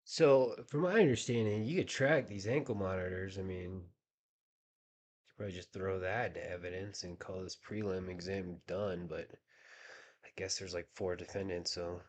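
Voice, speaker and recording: A man's voice: low voice, normal speed. A man giving wry, sarcastic commentary over court footage.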